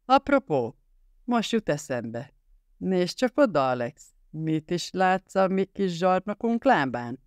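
A joking grown man from an audiobook who bows and banters in mock-formal speech as a male narrator voices him. He sits a little above the reader's usual pitch. The recording is dry and close. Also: very animated, dry recording. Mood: playful.

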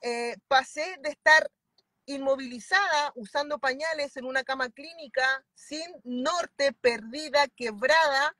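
A woman's voice: sits high, measured pace, sharp tone, no echo. A woman in her thirties with a Chilean accent, speaking fervently on a video call from inside a car. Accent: Chilean Spanish. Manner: fervent, emphatic. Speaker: mentoring client. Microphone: phone at arm's length.

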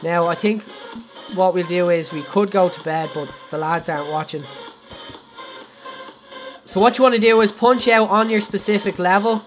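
A man's voice: high-pitched, moderate pace, long pauses. A young Irish man casually walking viewers through a building tutorial on a game live stream, chatty, laughing often and speaking straight to his audience. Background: faint background music.

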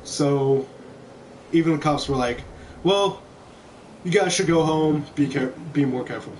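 A young streamer from a small town in Kentucky speaks with an American accent and a fairly high voice, a little slowly, telling casual, conversational stories over gameplay. The rough recording from his room at home has slight background noise and background music.

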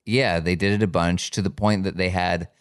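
A man's voice: deep voice, steady tone, normal speed, clear, resonant tone, no room sound. A man co-hosting a podcast, chatting casually with a dry, wry humor and a tired edge. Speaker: podcast co-host. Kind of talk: casual chat.

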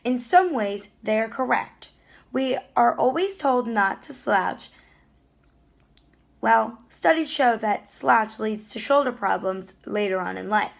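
A woman's voice: on the high side, animated, slow pace, vocal fry. A teenage girl earnestly reading explanatory narration for a school history project. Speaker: student narrator.

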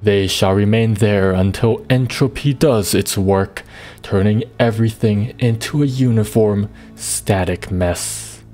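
A man voicing an evil undead male lich, reading the game's dialogue in a slow, drawn-out, sinister way. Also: fairly low pitch, mellow, faint music behind, close to an everyday voice. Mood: menacing. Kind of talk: reading game dialogue aloud in character.

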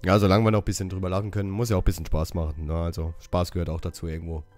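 A man giving a casual game walkthrough, haltingly reading out English dialogue options and correcting himself as he goes. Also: sits low, little pitch movement, a little mellow, faint music behind. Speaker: gaming channel host.

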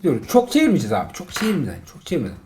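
Excitable man commenting on a game. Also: a little high, racing. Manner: excitable, exasperated, joking. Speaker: father playing a mobile game with his son. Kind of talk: casual gaming commentary.

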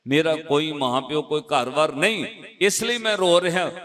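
A man's voice: a little high, normal speed, lightly acted. A man doing a tearful orphan boy. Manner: soft, pleading and repetitive. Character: poor orphan teenage boy, tearful and humble.

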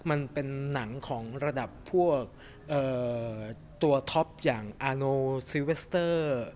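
A middle-aged man talks through a movie review in a loose, chatty way, gesturing as he goes and padding his thoughts with fillers. His voice sits at an everyday middle pitch. A faint ambient hiss sits under the phone recording from a cinema lobby. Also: unhurried. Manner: chatty and animated, refers to himself by nickname, many fillers. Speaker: film reviewer. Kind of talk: casual movie review to camera. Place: cinema lobby in front of a movie poster, indoors.

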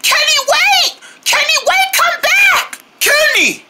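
A woman voicing a frantic cartoon friend who shouts and pleads at a high pitch. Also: lively intonation, slow pace, heavy background noise, full character voice. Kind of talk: homemade cartoon voice acting.

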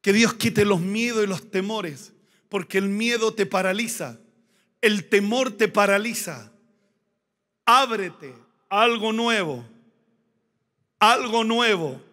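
Male pastor, high voice, emphatic sermon delivery with heavy repetition. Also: takes it slowly, long pauses, sharp tone. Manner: emphatic, repeats phrases for emphasis.

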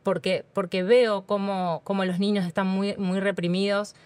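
A woman with an Argentine accent, a doula speaking as a podcast guest, earnest and warm, often restarting her sentences and repeating words. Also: mid-range voice, little pitch movement, normal speed, dry recording. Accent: Argentine Spanish. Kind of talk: casual podcast conversation.

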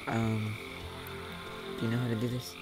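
A young man giving casual gameplay commentary in a halting mutter. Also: medium pitch, completely flat delivery. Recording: loud game music behind.

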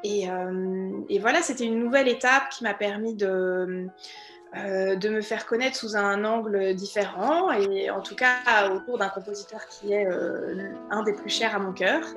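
A woman's voice: mid-range voice, a little slow, fairly bright tone. A French woman in her thirties, a concert pianist, speaking thoughtfully in a remote interview, with many hesitations and restarts. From France. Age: 30s. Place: room at home with bookshelves. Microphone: video call. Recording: echoey room over music.

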